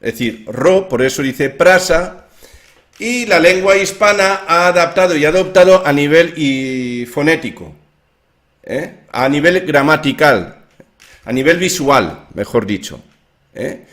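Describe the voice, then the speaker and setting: A man's voice: fairly high pitch, expressive, measured pace, fairly bright tone. A man explaining his own theory of language in an informal lecture, with many fillers and restarts.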